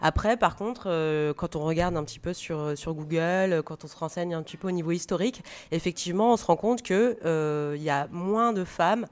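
A woman's voice: on the low side, fairly quick, hardly any pauses, darkish tone. A woman speaking conversationally as a radio panel guest, often searching for her words. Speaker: guest, stage director and drama teacher.

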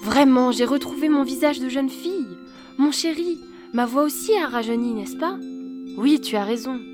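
A woman voicing a quick-tempered wife in her seventies, speaking with indignant exclamations. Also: high-pitched, music in the background, voice pushed up, natural voice. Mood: delighted.

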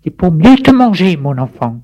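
A man's voice: high voice, sing-song, normal speed, warm tone, dull audio, voice pushed up. A man voicing a hungry, sly wolf who fakes a grandmother's voice and later begs for mercy. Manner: sly, coaxing.

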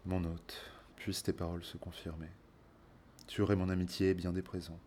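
A man voicing a wise, sorrowful noble queen in a soft, dignified way. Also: low voice, little pitch movement, brisk, a little hiss or hum, natural voice.

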